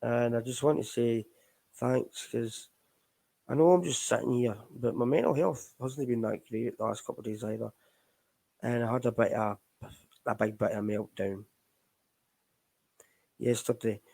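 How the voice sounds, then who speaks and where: Middle-aged Scottish man, recovery show host, gravelly and low-toned, loose candid ramble. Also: measured pace, long pauses, warm tone, poor audio. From Scotland. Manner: candid, rambling, addresses listeners as folks. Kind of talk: casual live chat.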